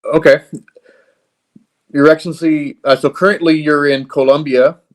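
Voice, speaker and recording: A man's voice: a little high, fairly even intonation, normal speed. Hesitant polite man hosting an interview. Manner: hesitant, with many fillers and polite restarts. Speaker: host. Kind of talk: casual interview.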